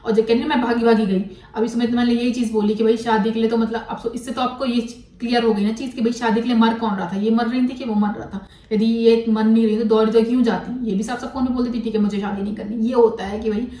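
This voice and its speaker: A woman's voice: a little high, fairly even intonation, fast talker, warm tone, distant mic. A woman giving blunt, scolding commentary in a vlog, mixing English words into her talk. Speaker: commentary vlogger. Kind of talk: critical commentary on a controversy. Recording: echoey room, voice from off-mic.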